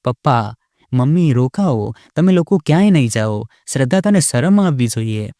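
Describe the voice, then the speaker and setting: An anxious grown son, voiced by a male narrator, protesting urgently at a mid pitch. The sound is dry and close. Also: expressive, moderate pace, mellow, no room sound, natural voice. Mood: alarmed.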